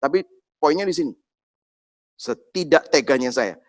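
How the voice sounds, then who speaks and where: A man's voice: a little high, animated, normal speed. A man in his forties preaching a sermon, telling stories animatedly, addressing listeners directly and mixing in English phrases. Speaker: pastor.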